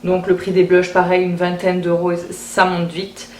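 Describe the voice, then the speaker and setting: A woman's voice: lowish voice, completely flat delivery, normal speed, darkish tone. A woman chatting casually through a beauty haul video, often repeating words as she thinks aloud. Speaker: beauty vlogger. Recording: roomy echo, faint background hiss.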